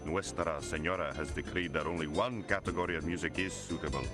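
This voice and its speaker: A polite but officious local man from an adventure game, speaking. His voice is deep and his wording formal, over clearly audible music. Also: a little fast. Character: polite, officious male Latin American local. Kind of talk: video game voice acting. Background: music clearly behind the voice.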